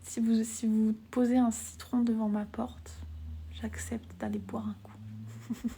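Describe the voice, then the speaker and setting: A young woman from France chatting casually on a live stream. She often drops into soft whispers, giggles a lot and uses casual slang. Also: fairly high pitch, flat delivery, slow, a little hiss or hum. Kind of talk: live-stream chat with viewers.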